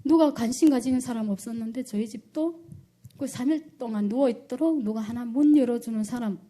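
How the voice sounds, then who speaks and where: A middle-aged woman with a North Korean accent telling her personal testimony, acting out quoted speech loudly with rising intensity. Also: a little high, a little fast. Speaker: church deaconess giving testimony.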